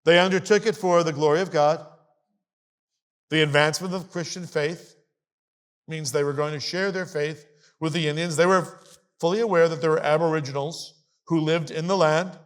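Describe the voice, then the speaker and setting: A man teaching a congregation in a sermon style, his voice pitched a bit high for a man. He speaks emphatically, with lively swings and wry asides. He reads a document aloud and comments on it line by line. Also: normal speed, pauses often. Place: congregation meeting hall.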